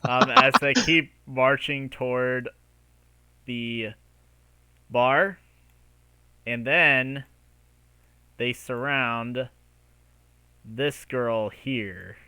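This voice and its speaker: A man's voice: medium pitch, extremely slow, pauses often, pushed and bright, smooth, no echo. A man improvising narration as game master of a tabletop role-playing game, hesitantly piecing scenes together.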